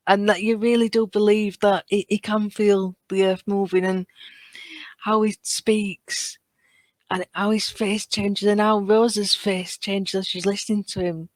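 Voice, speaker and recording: As a guest on a podcast, a woman joins a casual fan discussion, sounding earnest and appreciative and often halting as she searches for words. Her voice is medium in pitch, with no room sound.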